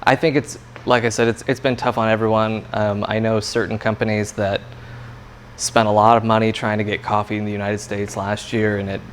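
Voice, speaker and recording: A man's voice: fairly low pitch, level tone, brisk. A man working as a coffee roaster, explaining things in a casual interview chat with loose, hesitant phrasing. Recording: clear background room noise.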